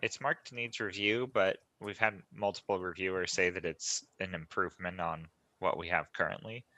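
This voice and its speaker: A man's voice: low-pitched, steady tone, normal speed, bright, forceful tone. A man going through technical issues one by one on a video call meeting, in a methodical way. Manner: methodical, detailed, hesitant fillers. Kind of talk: online meeting chat.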